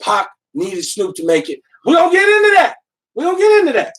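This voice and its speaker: A man's voice: very high-pitched, huge pitch swings, fast talker, a bit bright. A man hosting a podcast, talking in a rambling, enthusiastic way and searching for names as he goes. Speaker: podcast host. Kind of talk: casual podcast chat. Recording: voice a bit far from the mic.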